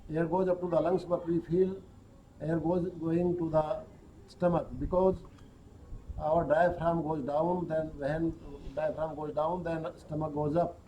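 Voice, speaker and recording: Male yoga teacher, calm guided relaxation, a touch higher voice, faint room noise. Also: muffled recording. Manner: calm, slow instructions mixing Hindi with English words.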